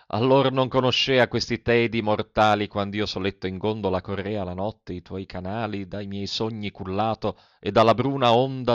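A man giving a dramatic poetry recitation, declaiming with slow, solemn pauses. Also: fairly low pitch, dry recording. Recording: dull lo-fi recording.

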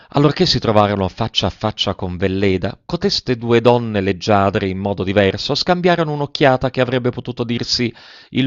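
Uomo dalla voce grave che legge un romanzo. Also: male voice, on the low side, no echo, lo-fi sound. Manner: measured, literary. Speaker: narrator. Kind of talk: audiobook reading of a classic novel.

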